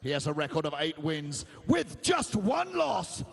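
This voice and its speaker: A male ring announcer introduces fighters in a gravelly, booming voice that swings dramatically up and down. He stretches out names in drawn-out cries, and the sound rings with long hall reverb. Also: wildly swooping pitch, a bit bright. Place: large fight arena.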